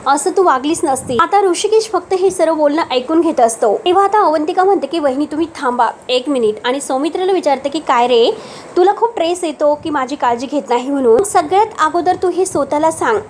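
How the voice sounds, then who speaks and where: A woman giving a voice-over recap of a TV serial episode, retelling each line of dialogue in steady reported speech. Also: sits high, fairly quick, a little hiss or hum. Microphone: voice-over recorded separately from the pictures.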